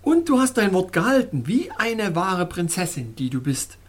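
A woman's voice: fairly low pitch, big pitch swings, normal speed, a little mellow, husky. A woman voicing an earnest, wise little male baron in a storybook reading, speaking solemnly and reassuringly. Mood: cheerful.

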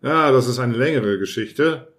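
A man voicing a phlegmatic man, his own later self, who answers in an unhurried, offhand way in an audiobook. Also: medium pitch, a bit bright, natural voice.

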